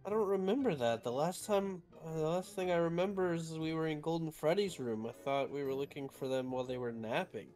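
A man's voice: on the high side, brisk, hardly any pauses, a little mellow, faint music behind, lightly acted. A man voicing a put-upon animatronic fox in an improvised game roleplay, protesting in an incredulous, whiny way. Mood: casual.

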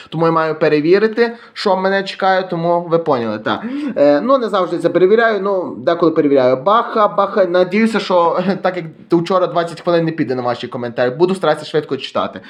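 Fast-talking young vlogger man. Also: on the high side. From western Ukraine. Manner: reads viewer comments aloud, chatty, self-deprecating. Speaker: YouTube vlogger. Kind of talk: casual comment-reading vlog.

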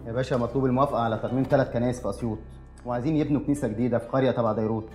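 A man's voice: medium pitch, steady tone, racing, darkish tone, soft background music, natural voice. An actor playing a deferential aide who briefs his boss in a film. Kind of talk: Egyptian film acting.

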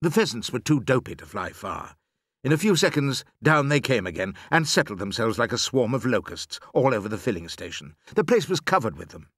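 A man narrating a children's novel in the first person, with expressive storytelling. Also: medium pitch, fairly quick, no room sound, clean studio sound. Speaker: audiobook reader.

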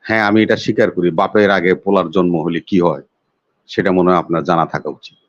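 A man's voice: sits low, quick pace, lo-fi sound. A man, a talk show panelist in a heated debate who talks over others and repeats himself insistently.

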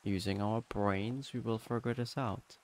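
A man chatting casually and playfully as he livestreams a game, rambling in halting bits and repeating his phrases. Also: lowish voice, steady tone, a little mellow, slight background noise. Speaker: livestreamer, VTuber. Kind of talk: casual livestream chat while playing a block-building game.

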